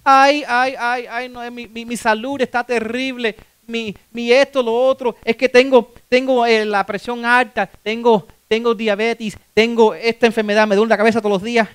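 Male preacher putting on a whiny hypochondriac, stammering, high-pitched. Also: level tone, moderate pace, hardly any pauses, clean tone, dry recording. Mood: whining. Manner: moaning, stammering, self-pitying. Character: whiny adult complaining of ailments.

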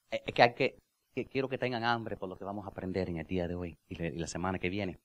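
A man preaching a sermon as pastor, with joking asides, laughter and slow, drawn-out phrases for emphasis. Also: deep voice. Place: church.

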